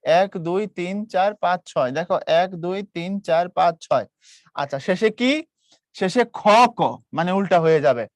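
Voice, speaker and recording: Speaking at a measured pace, this young online tutor has a high but darkish voice in a dry recording. He explains things patiently, repeating the main points, asking students questions, and slipping in English words.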